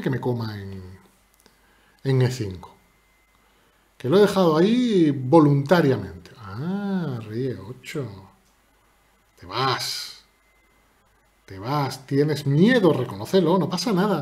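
A man commentating his own chess games live, with a slightly high voice that bounces up and down. He keeps it playful and chatty, teases his opponent and keeps turning to his viewers. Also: a little mellow.

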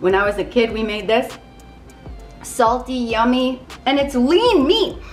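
Bubbly high-voiced woman vlogger. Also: very animated, measured pace, soft background music. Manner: bubbly and playful, with cutesy pet words. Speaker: weight-loss vlogger. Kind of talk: casual cooking and meal-prep talk.

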